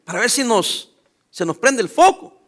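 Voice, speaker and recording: A man preaching a lively sermon as pastor, talking straight to his congregation. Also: extremely high pitch, moderate pace.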